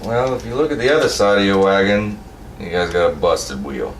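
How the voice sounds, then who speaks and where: A man's voice: on the low side, fairly quick, a crowd in the background, close to an everyday voice. A man doing an easygoing Templar. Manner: relaxed, reasonable. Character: easygoing laid-back male Templar. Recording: echoey room, mic far off, steady background noise.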